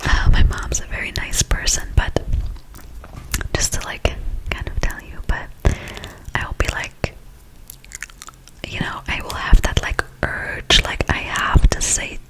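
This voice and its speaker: An ASMR creator rambling casually in a soft, breathy whisper, very close to a sensitive ear-to-ear microphone. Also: low-quality recording. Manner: slow, soft, hesitant rambling delivery. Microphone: close, highly sensitive ear-to-ear stereo microphone.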